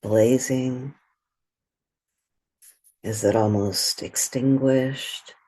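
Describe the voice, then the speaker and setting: In a soothing guided meditation, a woman speaks softly and breathily in short phrases, pausing at length between them. Her voice is also extremely low in pitch and holds a steady tone.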